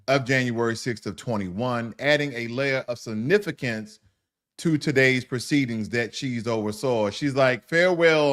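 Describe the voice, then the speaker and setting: A man hosting a news commentary show, mixing read-out news with blunt, informal asides and mocking jokes. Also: medium pitch. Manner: mocking, laughs at his subject.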